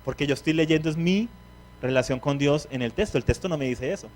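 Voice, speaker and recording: A man's voice: a little high, brisk, a little mellow. A man preaching a sermon, who asks the congregation questions and acts out the words of biblical figures.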